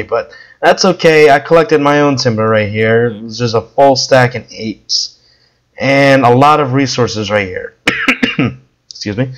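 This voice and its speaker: Guy w a croaky half-gone voice chatting over his game, mid pitch, lots of um and uh. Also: poor audio. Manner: rambling, with frequent ums and restarts. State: hoarse, losing his voice, coughing now and then. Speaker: gameplay video creator. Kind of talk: casual gameplay commentary.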